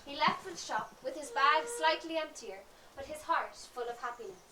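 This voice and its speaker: A woman telling a fairy tale in a lively, dramatic storyteller manner. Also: high voice, normal speed. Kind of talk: expressive storytelling. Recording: roomy, distant, noisy.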